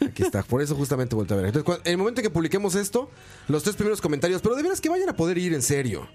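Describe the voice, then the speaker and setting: A man's voice: on the high side, wildly swooping pitch, very fast, darkish tone. A man co-hosting a podcast, joking and bantering casually with friends. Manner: jokey, playful, slangy, trails off laughing. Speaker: podcast co-host.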